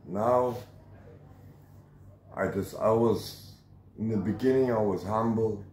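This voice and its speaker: A South African man in his forties tells his life story as an interviewee, tough, emphatic, and full of conviction, filmed close up on a phone camera at an outdoor shelter against a corrugated metal wall. His voice is lowish, slow, and a little mellow, in a rough, reverberant recording with slight background noise.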